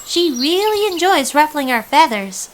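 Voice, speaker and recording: Woman voicing a cheeky, high-pitched grumbling hen. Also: sing-song, unhurried, background noise. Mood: muttering, cheeky. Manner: muttering, gossipy. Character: grumbling, cheeky, easily alarmed female hen. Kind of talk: animated storybook character voice.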